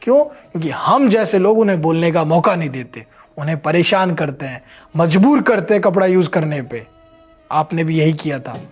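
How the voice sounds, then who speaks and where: An earnest man with a notably high voice lectures and scolds in a short social-message skit, pressing his point with reproachful questions. Faint music runs under his voice. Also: darkish tone. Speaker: customer, later doctor.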